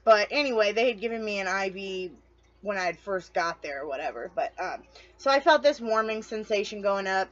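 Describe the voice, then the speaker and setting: A woman's voice: medium pitch, expressive, brisk, highs cut off. A woman telling her story to camera in a casual vlog, chatty and rambling, losing her train of thought and talking straight to her viewers. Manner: chatty, addresses viewers directly. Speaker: vlogger.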